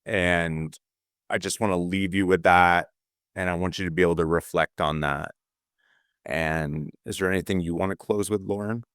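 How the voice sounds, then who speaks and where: A man co-hosting a motivational talk, earnest and full of fillers and restarts, a little hoarse as he loses his voice. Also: low-pitched, fairly even intonation, normal speed, a bit bright, no room sound, studio quality. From California. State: losing his voice a bit. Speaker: podcast co-host.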